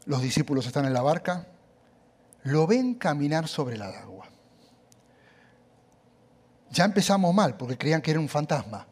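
A male pastor preaching a sermon, emphatic and conversational, with quick asides to the congregation. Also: on the high side, slightly rough.

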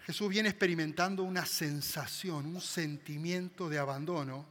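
A man preaching a sermon, swinging dramatically between loud emphasis and hushed tones. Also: a little high, moderate pace. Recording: long hall reverb.

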